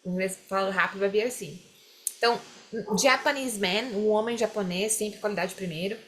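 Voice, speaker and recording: A woman teaching English, explaining phrases slowly and having students repeat them. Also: mid-range voice. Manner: drills phrases slowly, mixes English lines into Portuguese explanation. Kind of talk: classroom explanation.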